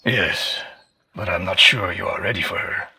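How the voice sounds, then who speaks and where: An actor playing a stern, bitter old male archery master in exile in a video game; he speaks gruffly and curtly. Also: sits low, normal speed, sharp tone, a little hiss or hum, exaggerated voice. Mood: grave. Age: older. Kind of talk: video game cutscene acting.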